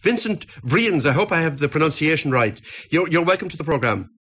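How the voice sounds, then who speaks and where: A man with an Irish accent hosting a radio interview, asking lively questions and stumbling on his first words. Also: on the high side, a little fast, slightly rough. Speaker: radio host.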